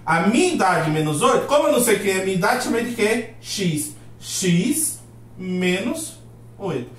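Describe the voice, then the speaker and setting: A man's voice: high voice, sing-song, moderate pace. A man teaching a math lesson, asking rhetorical questions and acting out his students' replies. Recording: roomy echo.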